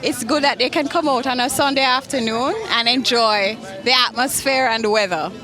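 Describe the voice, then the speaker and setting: A woman's voice: fairly high pitch, moderate pace, a crowd in the background. A woman chatting in a friendly way to an interviewer at an outdoor concert. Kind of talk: vox-pop interview.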